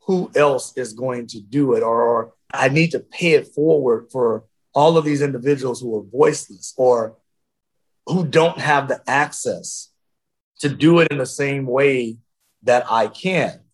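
A man's voice: medium pitch, unhurried. Earnest, reflective man in an interview. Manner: earnest, reflective, restarts phrases. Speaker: interview guest, advocate.

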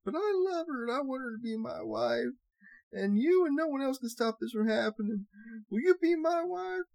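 A man's voice: extremely high pitch, big pitch swings, moderate pace, creaky, darkish tone, no room sound, pitched above the performer's own voice, exaggerated voice, poor audio. A man voicing a tearful young man who begs his cousin to marry him, in a strained, pleading tone.

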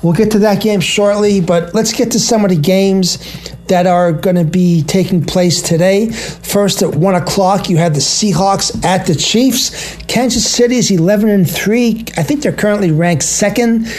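A man's voice: high-pitched, moderate pace, a little mellow. An American man hosting a sports radio show, talking through the games in a monologue.

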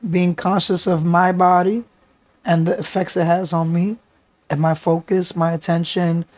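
Raspy New York man, a bit sick. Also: sits high, little pitch movement, unhurried, a little mellow, no room sound. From the Bronx. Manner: reflective, thoughtful, speaks in long run-on sentences. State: sick, under the weather. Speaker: podcast host. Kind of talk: casual chat.

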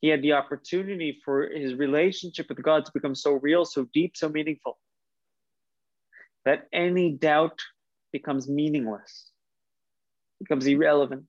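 A man's voice: a little high, moderate pace, pauses often, no room sound, muffled recording. Emphatic male religious teacher. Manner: emphatic, repeats key phrases for stress. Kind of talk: Torah study lesson.

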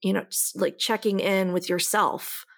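A woman of mid pitch co-hosts a relaxed conversational podcast. She thinks out loud in a reflective, searching way, often pausing and filling gaps with soft hesitations as she works through her ideas. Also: vocal fry. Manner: reflective, hesitant, many fillers like "you know" and "um". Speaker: podcast co-host. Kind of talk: casual chat.

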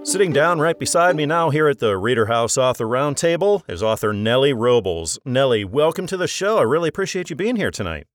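A male host runs an author interview show in a friendly, promotional manner, asking questions and recommending the books to his listeners. His pitch moves around a lot. The voice sits close on a dry studio mic. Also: sing-song, a little fast, hardly any pauses, dry recording, soft background music.

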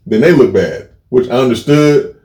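A man's voice: mid-range voice, animated, moderate pace, warm tone. A man co-hosting a podcast, telling a long casual story with swearing and many restarts. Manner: rambling, profane, many restarts. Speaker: podcast co-host. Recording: roomy echo.

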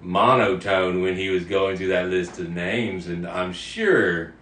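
A man's voice: low voice, takes it slowly, fairly bright tone, echoey room, recorded from a distance. A man co-hosting a podcast, chatting in a wordy, teasing way and stumbling over his words. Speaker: podcast co-host. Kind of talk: casual chat.

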